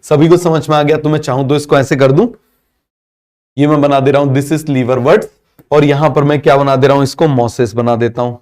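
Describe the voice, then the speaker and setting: A man's voice: mid-range voice, fairly even intonation, normal speed, a little mellow. A male teacher giving a biology class, asking constant questions, having students repeat answers, and mixing English terms into Hindi.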